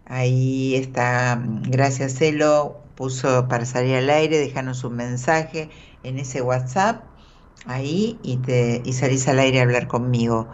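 An Argentine woman with a bass voice hosts a live call-in tarot show, speaking slowly with a slightly mellow tone and peppering her informal, reassuring chat with tag questions. There's slight background noise, and the audio sounds dull and band-limited.

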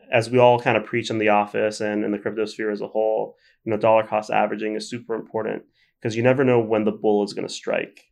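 Man, low gravelly voice, monotone, steady advice with "uh" and "you know". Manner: steady advice-giving with many fillers. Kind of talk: casual advice talk.

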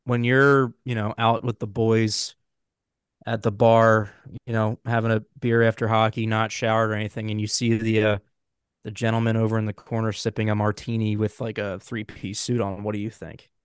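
A man's voice: fairly low pitch, flat delivery, normal speed, clear, resonant tone, no echo, studio quality. A man in his thirties co-hosting a podcast in casual chat, rambling and joking, often correcting himself mid-sentence. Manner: rambling, jokey, self-correcting. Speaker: podcast co-host.

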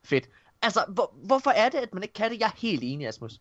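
Male podcast host, fairly high voice, informal banter, slightly muffled roomy recording. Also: very animated, fairly bright tone. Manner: informal, swearing, joshing. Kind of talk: casual chat.

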